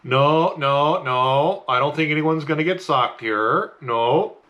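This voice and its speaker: A man's voice: a little high, slow pace, dull audio, background noise. A man playing a hesitant, awkward mom's boyfriend who tries to keep the peace. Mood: placating. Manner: hesitant, placating, folksy. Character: meek, awkward mom's boyfriend, middle-aged. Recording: music playing behind the voice.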